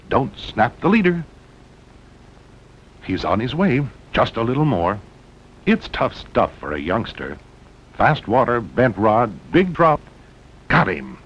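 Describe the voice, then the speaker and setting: Here a 1960s promotional documentary is narrated by an American man in a dramatic manner, with punchy, short phrases. The audio is a muffled old film soundtrack, rumbling throughout.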